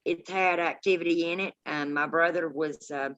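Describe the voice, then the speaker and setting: A woman's voice: sits low, steady tone, normal speed, fairly bright tone. A middle-aged woman with a folksy, informal way of talking, chatting and telling stories casually as host of a paranormal live stream. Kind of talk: casual chat and storytelling to live viewers. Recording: dull, lo-fi live stream audio.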